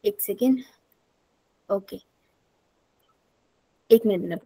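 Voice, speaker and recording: A woman's voice: medium pitch, drawn-out words, mellow, slightly rough, no room sound. A young woman teaching a live online biology class in a casual, chatty way, telling stories and often laughing.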